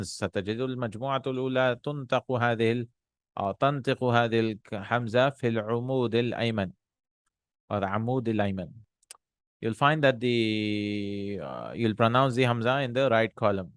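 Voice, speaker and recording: A man teaching an Arabic textbook lesson. He reads Arabic lines quickly, then translates and explains them slowly in with many pauses and restarts. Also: medium pitch, no echo.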